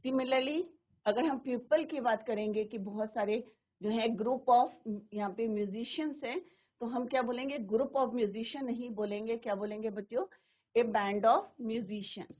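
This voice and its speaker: A woman teacher with a Hindi accent, her voice a little high, talks slowly and with care. She puts questions to the class and answers them herself. The sound comes through a thin, tinny line, as if over a phone. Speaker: English teacher. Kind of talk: classroom lesson. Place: studio.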